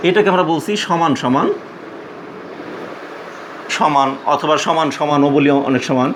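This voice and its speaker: A man teaching a math class for young students, explaining step by step with many repeats, small pauses and check-in questions. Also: fairly high pitch, fairly bright tone, slight background noise. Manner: patient, repetitive explaining with frequent fillers and questions.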